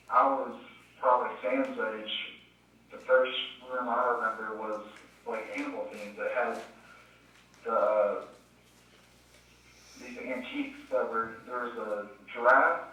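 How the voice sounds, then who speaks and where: A man's voice: mid-range voice, pushed and bright, slight background noise. A man speaking from jail on a recorded phone call, dry and mildly sarcastic. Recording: muffled echoey call recording from far off.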